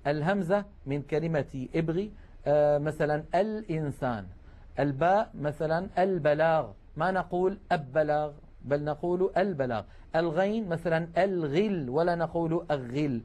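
A man's voice: on the high side, moderate pace, a little mellow. A man teaching Quran recitation rules in a broadcast lesson, explaining patiently with frequent hesitations.

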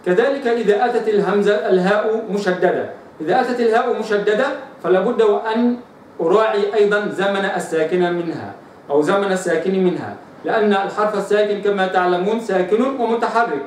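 A man with an Egyptian accent teaching Quran recitation, repeating letter sounds slowly and often as drills. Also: high voice, very echoey, far from the mic, a little hiss or hum, rough recording. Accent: Egyptian Arabic. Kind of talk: tajweed lesson with drills.

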